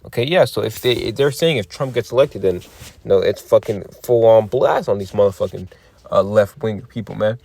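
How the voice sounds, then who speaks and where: Tired guy with a lowish dark voice riffing on scripture, swears a lot, keeps saying okay and man. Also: a little fast, vocal fry. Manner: profane, peppered with "okay" and "man"; rhetorical questions. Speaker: religious commentator. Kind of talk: casual scripture and news commentary.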